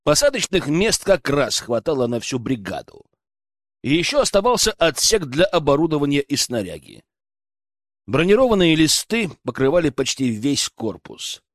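A man narrating a first-person fantasy audiobook in a wry, expressive manner. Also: a little high, moderate pace, dry recording, clean studio sound.

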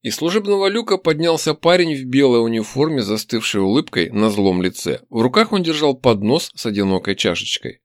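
A man reading a first-person story aloud in a wry, expressive way. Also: mid-range voice, brisk, hardly any pauses, no echo, studio quality. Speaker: audiobook narrator. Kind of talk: first-person audiobook narration.

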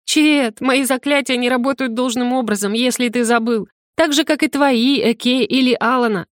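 A flustered young student girl, as a woman narrator puts her on, protesting in a raised, exclaiming voice. She argues back quickly and sounds indignant. The recording is dry and close. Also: no echo, natural voice. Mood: grumbling. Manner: high, exclaiming, argumentative. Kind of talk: audiobook character voice.

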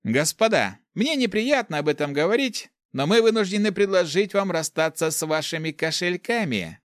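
A man's voice: high-pitched, lively intonation, normal speed, no echo, clean studio sound, voice pushed up. A man voicing a smug young thief who speaks with mock politeness in a storybook reading.

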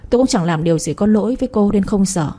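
A wronged young interpreter, voiced by a woman in an audiobook, fights every accusation with insistent protests. The tone is mellow and husky rather than ringing. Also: high voice, lively intonation, fast talker. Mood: indignant. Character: young male interpreter, framed and indignant.

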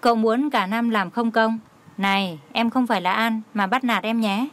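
A man's voice: high voice, fairly even intonation, moderate pace, a bit bright. A woman voicing a stern young male boss who gives short, commanding orders. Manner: curt, commanding.

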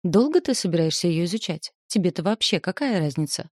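A woman's voice: lowish voice, animated, a little fast, a little mellow, slightly rough, no echo, studio quality. Sarcastic young student girl, read by a woman. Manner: sarcastic, clipped retorts. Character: sharp-tongued young woman student, irritable. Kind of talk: audiobook character voice.

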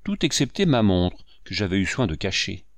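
A man reading aloud, voicing an excitable, gullible middle-aged English mother who gushes breathlessly. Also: deep voice, normal speed, no echo. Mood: gushing.

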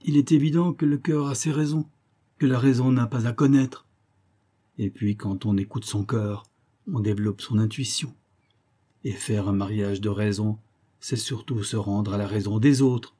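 A man reading the lines of a proud, quick-tempered young aristocratic woman in an audiobook. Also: medium pitch, dark tone, breathy edge. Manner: haughty, quick-tempered outbursts.

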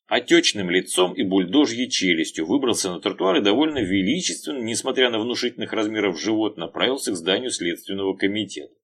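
A man narrating an audiobook in a lively, expressive reading. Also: lowish voice. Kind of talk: scripted narration.

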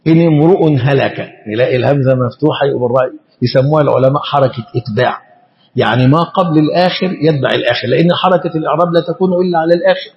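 A man with an Egyptian Arabic accent, an Islamic scholar teaching a lesson, speaking slowly and deliberately and often stumbling and repeating syllables as he explains. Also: medium pitch, muffled recording. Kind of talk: classroom lesson explaining grammar and meaning.

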